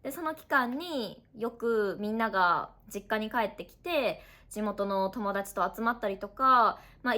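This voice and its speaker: A woman in her twenties from Japan, an online Japanese teacher talking casually to learners at her family home, chatty and friendly, explaining slowly with examples. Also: medium pitch, fairly bright tone. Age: 20s. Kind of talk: casual podcast talk to learners.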